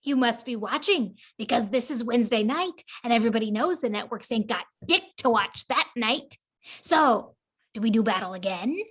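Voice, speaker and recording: A woman's voice: fairly high pitch, lively intonation, husky. A woman playing a vengeful possessed woman in a demonic voice, taunting her enemy in a comedic audio play. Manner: demonic voice, slow and menacing.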